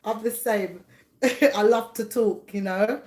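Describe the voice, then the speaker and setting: A woman's voice: medium pitch, slow, a little mellow. A chatty middle-aged woman hosts a casual live chat from her home, talking to viewers. She rambles, laughs often and greets people by name. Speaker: livestream host and psychic reader. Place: home, indoors.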